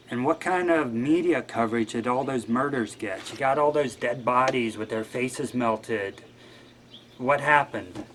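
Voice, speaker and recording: Laid back guy rambling wry stories as a guest host, mid pitch, some faint noise. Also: a bit bright. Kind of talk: casual monologue.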